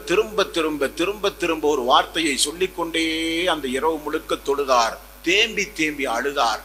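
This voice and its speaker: His voice is high and sharp-toned as he preaches an impassioned sermon, circling back to key phrases and asking rhetorical questions. He is an Islamic preacher from Tamil Nadu, India, recorded with a long hall reverb.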